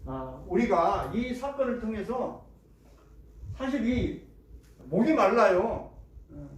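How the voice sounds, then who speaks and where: Preaching a sermon in a church sanctuary, a male pastor speaks slowly in a high, sing-song voice. He puts questions to the congregation and dramatizes prayers and complaints, recorded from afar with a roomy sound.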